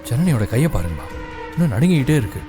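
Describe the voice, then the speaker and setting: Actor as a reassuring young husband, quick, animated, drama score underneath. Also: male voice, medium pitch, natural voice. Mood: reassuring, dismissive. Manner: dismissive, reassuring. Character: calm young husband brushing off his mother's fears. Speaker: son and new husband in a TV serial. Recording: dramatic background music.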